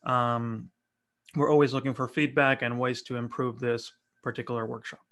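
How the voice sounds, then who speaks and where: A man from Argentina presenting a software workshop over a video call, friendly and relaxed with frequent fillers. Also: medium pitch, normal speed. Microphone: webcam video call.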